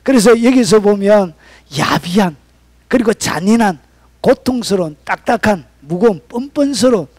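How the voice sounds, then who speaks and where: High-pitched animated male preacher. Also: moderate pace, no echo. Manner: dramatic preaching, swinging between loud cries and hushed whispers. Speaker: pastor. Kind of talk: sermon.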